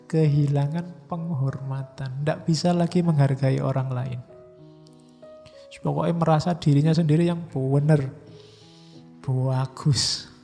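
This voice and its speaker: Javanese guy lecturing philosophy, gravelly, pitch a bit high, echoey hall w faint music. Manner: relaxed, conversational, with mock quotes and slow emphasis.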